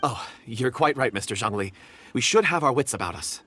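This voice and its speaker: A man voicing a gentle, curious, polite travelling companion in a video game, mild and expressive. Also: mid-range voice, a little fast, a little hiss or hum. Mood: earnest.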